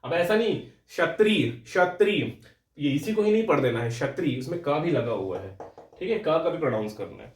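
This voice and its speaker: A man's voice: on the high side, expressive, fairly quick, echoey room, recorded from a distance, a little hiss or hum. A young man teaching a Hindi grammar lecture for exam aspirants, explaining patiently, repeating words and often checking in with his students.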